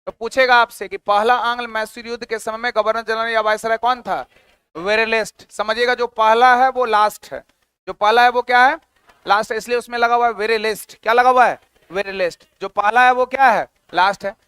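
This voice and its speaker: A man's voice: very high-pitched, steady tone, fairly quick, pushed and bright, clean tone, no echo. A male teacher giving an exam-prep history lecture, asking questions and repeating the answers.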